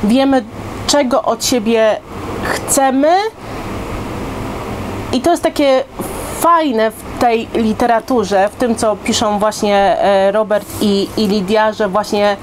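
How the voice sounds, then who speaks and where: A woman's voice: a little high, steady tone, takes it slowly, background noise. A woman in her thirties giving a casual, chatty book review to camera in a living room, often checking in with her listeners. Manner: conversational, addresses listeners with frequent rhetorical check-in questions. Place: indoors, living room on a sofa.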